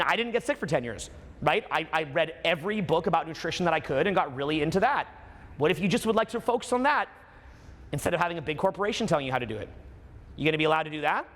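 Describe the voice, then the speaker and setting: A man's voice: high voice, a bit bright. A man giving a spiritual motivational talk, dramatic and emphatic, piling up rhetorical questions. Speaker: motivational speaker. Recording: echoing hall with long reverb.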